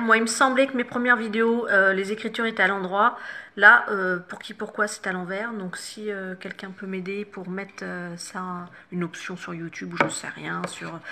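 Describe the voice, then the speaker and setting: Woman makeup vlogger, chatty and loose, bright forward tone, lots of fillers and restarts. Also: medium pitch. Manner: chatty, many fillers and self-corrections. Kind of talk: casual makeup tutorial chat. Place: home, no studio lighting.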